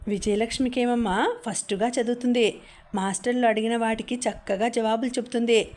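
A woman's voice: fairly high pitch, fairly even intonation, brisk, darkish tone, close to an everyday voice. A woman voicing a polite, middle-aged male private tutor speaking earnestly to a mother, in an audiobook.

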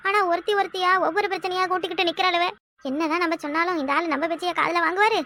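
A fretful, complaining cartoon village wife, voiced by a woman. Her voice is extremely high and fast, with a southern Tamil Kanyakumari accent. She laments and grumbles as she talks. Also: fairly even intonation, bright, forceful tone, a little hiss or hum, full character voice. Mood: lamenting. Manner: complaining, lamenting, exclaims to herself. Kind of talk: cartoon voice acting.

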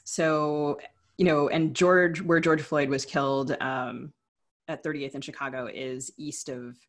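A woman from the US East Coast co-hosts a podcast, explaining things discursively in conversational interview talk. Her voice is deep, with a steady tone and measured pace.

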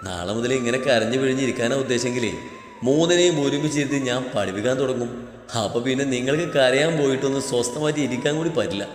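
A man voicing a fierce yet tender young husband, speaking low, hushed and gentle. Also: quick pace, natural voice. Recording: reverberant room with background music.

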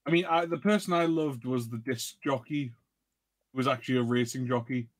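A man's voice: mid-range voice, fairly quick, no echo. A young man chatting casually with a friend while gaming, laughing often. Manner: giggly, bouncy, laughs often. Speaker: co-host.

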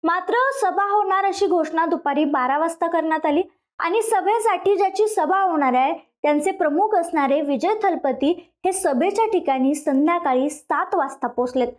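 A woman's voice: extremely high pitch, moderate pace. A woman with a Marathi accent presenting a news explainer, walking viewers through events and speaking to them directly.

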